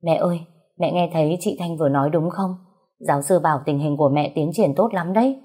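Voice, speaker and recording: Female reader voicing a devoted young daughter, soft and earnest, low husky tone. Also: brisk.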